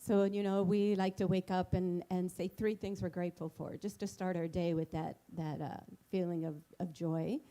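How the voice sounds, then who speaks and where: A woman co-leading a casual sermon, speaking gently and hesitantly with many fillers. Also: fairly low pitch, level tone, normal speed, hardly any pauses. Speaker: spiritual community co-minister.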